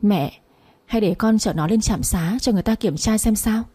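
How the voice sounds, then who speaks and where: A woman's voice: medium pitch, moderate pace, husky, natural voice. Woman voicing a pleading young wife. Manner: pleading, soft.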